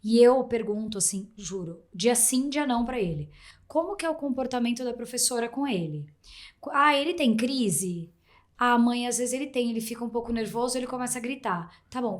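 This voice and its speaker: Animated Brazilian woman hosting. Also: on the high side. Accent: Brazilian Portuguese. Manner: animated storytelling, acting out her child's replies; rambling with frequent restarts. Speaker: podcast host. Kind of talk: casual interview chat.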